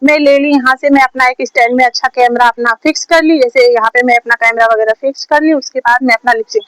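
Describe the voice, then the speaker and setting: Chatty high-voiced woman teaching lip sync. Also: fairly even intonation, fast, fairly bright tone, clean tone, dry recording, rough recording. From India. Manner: chatty, repetitive, drills points over and over. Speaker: short-video creator teaching lip sync. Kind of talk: casual tutorial talk. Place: home, recording herself. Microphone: phone on a stand.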